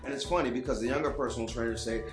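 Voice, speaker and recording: A man's voice: medium pitch, racing, music in the background. A man, a personal trainer, speaking to camera in an earnest, direct coaching manner in an advice vlog.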